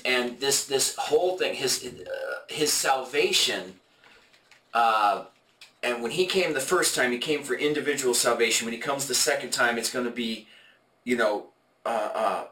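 Halting man teaching a Bible study. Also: mid-range voice, sharp tone. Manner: halting and explanatory, many fillers and restarts. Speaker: podcast co-host leading a Bible study. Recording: echoey room, mic at a distance.

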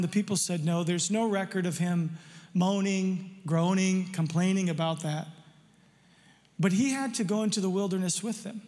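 A man's voice: high voice, a little mellow, long reverb tail. A male pastor preaching a sermon emphatically, asking the listeners rhetorical questions.

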